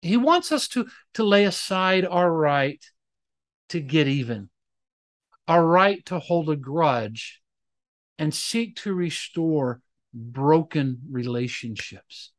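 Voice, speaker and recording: A pastor preaches a sermon, blending storytelling with teaching, his fairly high voice lively in intonation. He leans on emphatic rises and slows down to draw out phrases, and the recording is dry.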